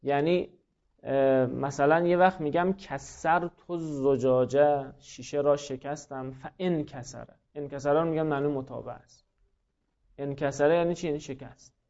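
This man's voice sits on the high side, steady and somewhat dark, as he lectures a class step by step. He often repeats himself and puts questions to his students, all captured in a dull lo-fi recording.

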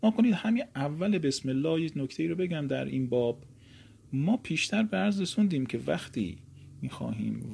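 A man's voice: medium pitch, vocal fry, a little mellow, husky. Man teaching grammar, chanting verb forms. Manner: chanting verb paradigms slowly and drawn out, then explaining quickly; courteous formal teaching phrases. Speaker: teacher of Arabic morphology. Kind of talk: recorded classroom lecture.

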